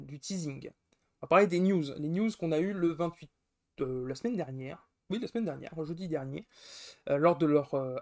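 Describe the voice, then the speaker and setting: A podcast host runs a casual live stream, rambling enthusiastically with frequent fillers and self-corrections and grumbling now and then. His voice is fairly high and mellow.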